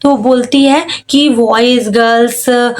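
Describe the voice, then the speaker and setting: A woman teacher with a Hindi accent explains an English story, reading lines slowly and then paraphrasing them. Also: fairly high pitch, fairly even intonation.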